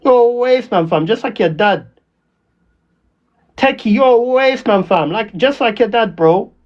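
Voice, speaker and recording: A man's voice: sits high, expressive, unhurried. A man with a London roadman accent and slang, ranting on a livestream in a taunting, confrontational, repetitive way. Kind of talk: ranting livestream trash talk. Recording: dull lo-fi audio.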